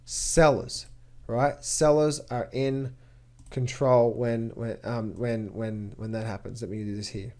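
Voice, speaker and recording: A trading coach delivers an emphatic market update over charts, posing rhetorical questions, answering them himself, and repeating words in quick bursts. His mid-range voice is steady and dark in tone.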